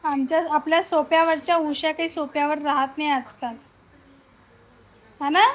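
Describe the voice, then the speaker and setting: A woman's voice: high-pitched, fairly even intonation, moderate pace. A woman filming her small children at home, teasing and scolding them and then narrating to the camera. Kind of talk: casual family video with narration.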